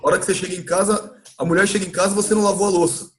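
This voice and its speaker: A man with a Brazilian Portuguese accent teaching English in a live class, explaining patiently and repeating words slowly to model pronunciation. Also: high-pitched, flat delivery, slight background noise. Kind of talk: live online class recap.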